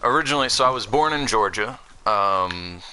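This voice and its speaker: A young man from the Southern United States, his accent a blend of Southern and Northern, rambles casually while streaming a game, full of fillers and restarts. His lowish voice sounds animated, pushed and bright at a moderate pace, with slight background noise.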